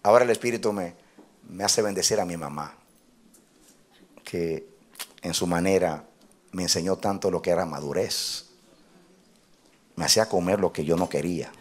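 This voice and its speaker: Animated storytelling pastor, man. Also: sits low, normal speed, pauses often. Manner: animated, laughing storyteller, builds to loud exclamations. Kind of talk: storytelling sermon.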